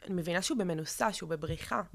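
A young woman speaks as an interview guest, recounting a personal ordeal in a low voice. She talks haltingly, with many fillers and restarts. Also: gravelly, a bit bright. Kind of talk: emotional personal account in an interview.

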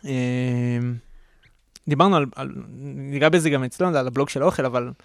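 Man, podcast host, eager, excitable, rambling questions, casual studio interview. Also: mid-range voice, no echo. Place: radio studio.

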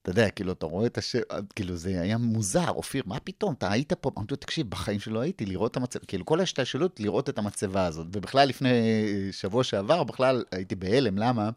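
Middle-aged guy, stand-up comic, low voice, dry close sound, swings up high doing other people. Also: few pauses, no echo. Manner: animated, acts out quotes with big pitch jumps. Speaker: guest comedian. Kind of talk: casual storytelling.

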